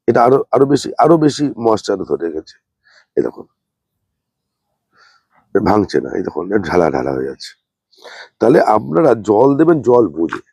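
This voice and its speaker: A man, unwell, giving a slow, plain, repetitive gardening demonstration as a channel host. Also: fairly low pitch, gravelly, warm tone, no room sound. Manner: speaks slowly and plainly, repeating points.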